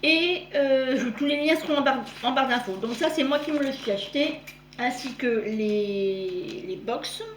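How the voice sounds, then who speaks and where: Middle-aged woman, casual crafting vlogger, higher pitch, halting delivery, echoey room with a faint hum behind. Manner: chatty, halting, many fillers and self-corrections. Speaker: crafting vlogger showing her gifts. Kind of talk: casual show-and-tell.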